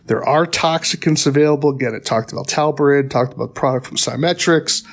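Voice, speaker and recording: A man's voice: mid-range voice, brisk. A middle-aged man giving a pest control training talk in a conversational way, with wry asides and frequent fillers and restarts. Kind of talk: instructional podcast talk.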